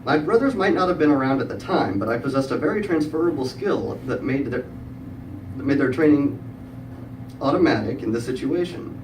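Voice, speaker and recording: In a live event room with an audience, a middle-aged man at average male pitch tells a prepared comic story, wry and dry-witted, pausing for the jokes in an animated way. The recording is distant and echo-heavy, with clear background noise.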